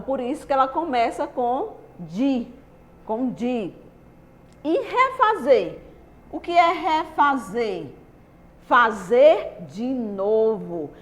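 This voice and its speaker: A Brazilian woman teaching young children, her voice pitched fairly high and rising and falling in a very lively way. She explains slowly and patiently, asks the class questions and then answers them herself. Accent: Brazilian Portuguese. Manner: slow, patient, stretched-out explaining. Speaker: primary school teacher. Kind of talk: online lesson for young children.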